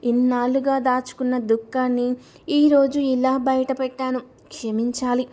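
A woman voicing an elderly grandmother and family matriarch, tearful and slow when she opens her heart, teasing when she jokes with the family. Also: high-pitched, level tone, mellow. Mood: sorrowful.

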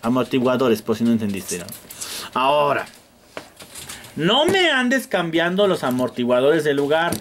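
A man's voice: on the high side, huge pitch swings, a little slow, pauses often, fairly bright tone, a little hiss or hum. A man with a Mexican accent teaching electronics repair to a classroom, joking and acting out frustrated customers as he goes. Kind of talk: hands-on class demonstration. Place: classroom with students.

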